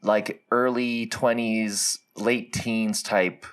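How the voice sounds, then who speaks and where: A man from Hawaii with a Hawaiian accent, chatting as co-host of a casual podcast. His voice sits on the low side, relaxed and friendly, and he drops local slang. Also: very slow, clean tone.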